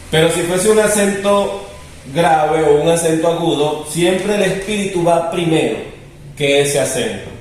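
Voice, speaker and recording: Man teaching in a very echoey room. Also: a little high. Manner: patient, explanatory, repeats key rules. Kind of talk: recorded classroom lesson. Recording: very echoey room, distant mic.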